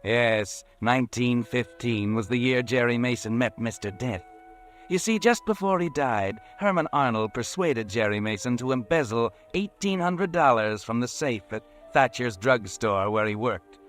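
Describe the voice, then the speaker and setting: A man playing the Whistler, an eerie, all-knowing narrator who walks by night, telling the story slowly and ominously in a 1940s radio drama. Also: mid-range voice, animated, a bit bright, lightly acted. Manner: slow, ominous, measured storytelling. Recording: old radio recording with faint music.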